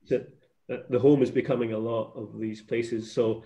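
A man's voice: medium pitch, little pitch movement, normal speed, warm tone. A middle-aged man from Scotland, chatting as a guest over a video call from his home office, rambling with restarts. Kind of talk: casual video call interview. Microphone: laptop webcam video call. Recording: muffled video call audio.

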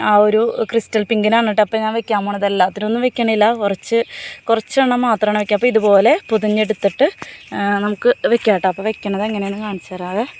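A woman's voice: mid-range voice, slight background noise. A woman hosting a casual gardening vlog, chatty and friendly, recorded outdoors in her home garden on a phone. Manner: chatty, often tags lines with a friendly "you know". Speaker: gardening channel host.

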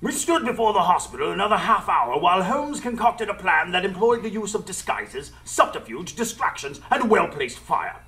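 An actor playing a loyal, exasperated English gentleman doctor, formal and wordy, in a live radio drama. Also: sits high, very animated, normal speed, hardly any pauses, full character voice. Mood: reflective narration. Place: live stage before an audience.

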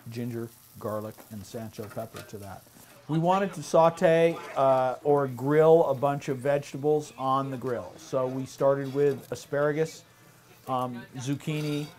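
A middle-aged chef and restaurant owner from Hawaii, United States, speaks casually to camera with an American accent in a medium-pitched, darkish voice. He's outdoors in an open yard with a covered grill deck, recorded on a lapel microphone.

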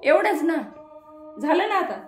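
A mother filming a casual home vlog, gently coaxing and prompting her child with short repeated questions. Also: very high-pitched, unhurried, soft background music. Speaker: mother and vlogger. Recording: echoey room.

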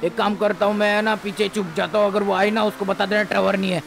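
A man voicing a gruff, bossy criminal in a game role-play. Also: high-pitched, little pitch movement, fast, a bit bright, slight background noise.

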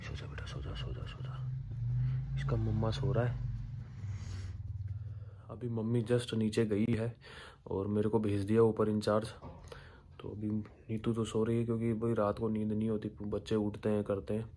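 Soft-spoken young father vlogging at home. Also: fairly low pitch, completely flat delivery, a little hiss or hum. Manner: talks softly and slowly so the babies can sleep. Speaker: vlogger, father of infant twins. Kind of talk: casual home vlog. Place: home, with babies sleeping nearby.

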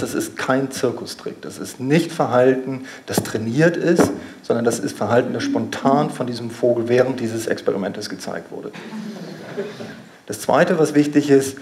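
A man's voice: medium pitch, a little mellow, a little hiss or hum. A man in his thirties giving a public science lecture, explaining step by step with emphatic repetition. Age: 30s. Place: lecture hall with seated audience.

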